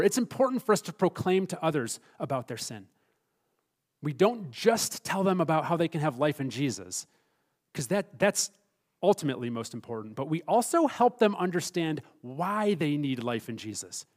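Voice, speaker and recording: Emphatic male pastor preaching. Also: a little high. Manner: emphatic, swings from loud stresses to hushed asides. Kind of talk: sermon.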